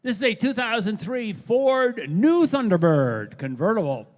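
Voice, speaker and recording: A man's voice: high voice, big pitch swings, a little slow, a little mellow, long reverb tail. A man announcing auction lots, formally listing details phrase by phrase. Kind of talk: announcing lot descriptions. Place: large auction hall.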